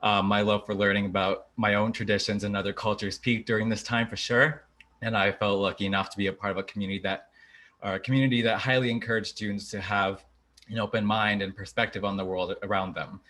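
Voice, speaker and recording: A young man from Latvia, a native Latvian speaker, talks quickly through a prepared introduction over a video call. His voice sits fairly low, and he speaks earnestly with occasional filler "uh"s. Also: flat delivery, bright, forceful tone. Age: 20s. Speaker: candidate for student government post. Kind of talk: prepared self-introduction speech.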